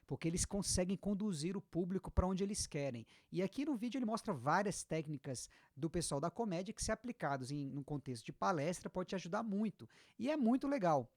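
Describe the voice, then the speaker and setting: A woman with a Brazilian accent leads a relaxed online English lesson. Her voice sits on the low side, and the recording is dry and close. She explains patiently and says each example word slowly, more than once. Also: dry recording. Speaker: English teacher.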